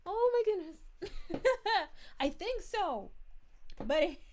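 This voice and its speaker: A woman's voice: extremely high pitch, very animated, slow pace, darkish tone, a little hiss or hum, exaggerated voice. A woman voicing a sweet, bubbly young princess, reading chat live in character and giggling often. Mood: chatty. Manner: giggly, gushing, chatty.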